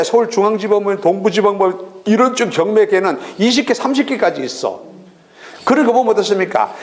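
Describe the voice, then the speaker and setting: A middle-aged man giving a recorded lecture on real estate auctions, lively and full of rhetorical questions. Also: high-pitched. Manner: lively, rhetorical questions, acts out regional voices.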